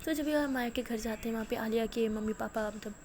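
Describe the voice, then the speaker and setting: A woman's voice: fairly high pitch, a little mellow, a little hiss or hum. Woman casually retelling a story. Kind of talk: spoken story narration.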